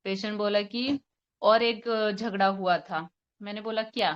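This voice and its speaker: A woman's voice: medium pitch, steady tone, a little slow, clear, resonant tone, lo-fi sound. A homeopathic doctor, a woman, presenting a patient case to a forum, retelling the consultation and quoting both sides with hesitant fillers.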